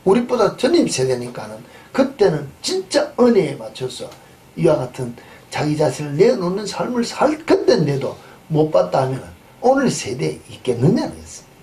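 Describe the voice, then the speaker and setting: A male pastor preaching a sermon and telling a story, swinging between loud emphatic bursts and quiet asides. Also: a little high, very animated, moderate pace. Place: church sanctuary. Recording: distant mic with faint background noise.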